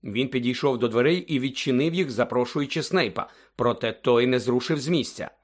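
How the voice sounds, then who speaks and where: A man narrating an audiobook in an even, expressive storytelling voice. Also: medium pitch, brisk. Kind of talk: scripted narration.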